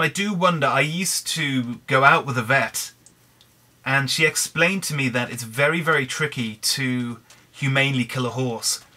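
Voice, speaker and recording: Hoarse British man rambling over gameplay. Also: medium pitch, pushed and bright. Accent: British English. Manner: rambling, chatty, frequent restarts. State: hoarse, croaky throat. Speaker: Minecraft let's player. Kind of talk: casual gameplay commentary.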